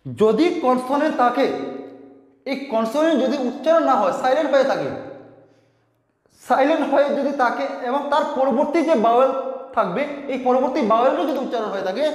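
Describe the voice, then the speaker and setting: A teacher explaining a pronunciation rule to students, restating each point and often pausing on fillers. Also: high voice. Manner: repetitive, often restating rules with many fillers. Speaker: English teacher. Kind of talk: explaining a grammar lesson to students. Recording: very echoey room with long reverb.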